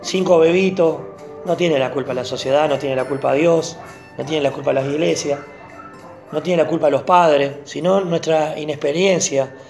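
A man preaching a sermon, animated and repeating phrases for emphasis. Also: on the high side, normal speed, creaky, faint music behind.

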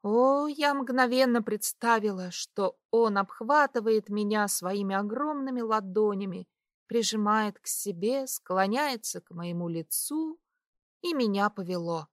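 A woman narrating a first-person audiobook in a wry, lively way. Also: mid-range voice, a little slow, dry recording, clean studio sound.

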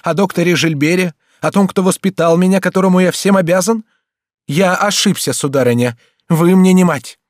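A man's voice: mid-range voice, a little fast, dry recording, studio quality, pitched above the performer's own voice, lightly acted. A man reading an audiobook, voicing an earnest, devoted young boy. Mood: indignant. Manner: earnest, pleading.

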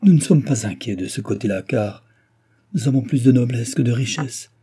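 A man reading a novel aloud, voicing an older impoverished baron who speaks slowly and humbly. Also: mid-range voice, slightly rough, natural voice. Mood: deferential. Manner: hushed, deferential, slow. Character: humble, deferential old nobleman, a baron. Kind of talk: audiobook character reading.

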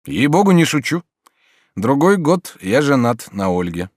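A steady, practical gentleman, as a male reader plays him who reassures his friend in an even, grounded voice. The delivery is dry and close, with lively inflection. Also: medium pitch, a little slow, no echo, voice pushed up. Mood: reassuring.

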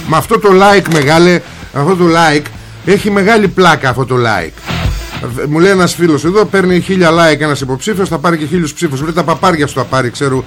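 A man hosts a talk radio show and rants in a high, mocking voice. He talks in blunt slang with sarcastic jabs. Faint guitar music plays underneath. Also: a bit bright. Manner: sarcastic, mocking, colloquial rant. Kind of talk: ranting political talk with callers.

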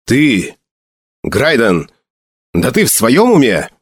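A man's voice: fairly low pitch, very animated, normal speed, dry recording, clean studio sound. A man voicing an indignant young infantry officer who reproaches a comrade. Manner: outraged, reproachful.

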